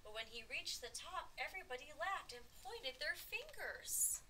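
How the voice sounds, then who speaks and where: A woman who teaches preschool, reading a picture book aloud with animated, slow storytelling. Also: high-pitched, a little hiss or hum, rough recording.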